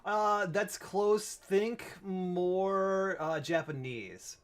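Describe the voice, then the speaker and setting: A man hosting an improv comedy game show, explaining rules quickly with fillers. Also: sits high, smooth.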